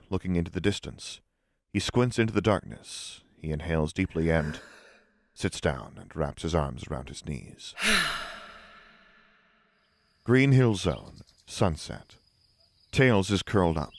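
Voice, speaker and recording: A man narrating the scene directions of an audio drama in a plain, measured reading. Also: low voice, lively intonation. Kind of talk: scripted narration of stage directions.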